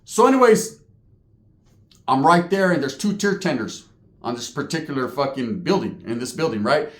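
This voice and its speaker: A man's voice: mid-range voice, big pitch swings, moderate pace, a bit bright, reverberant. A man telling a story about his time in prison, streetwise and profane, full of slang and asides. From California. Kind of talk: casual storytelling.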